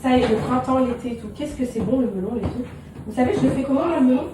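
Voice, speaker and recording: A woman talks casually to her camera in a home kitchen, warmly confiding in her viewers. Her voice sits a little high, and it sounds roomy and distant from the mic. Household noise can be heard clearly in the background. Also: fast talker. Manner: chatty and confiding, addresses viewers as pets; soft and tender with her children. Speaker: vlogger.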